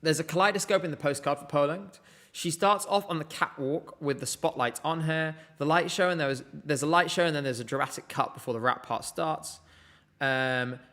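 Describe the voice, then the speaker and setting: A man's voice: fairly high pitch, moderate pace, fairly bright tone. A man hosting a casual live stream from home, chatting, laughing often and reading out viewer messages. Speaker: livestream host.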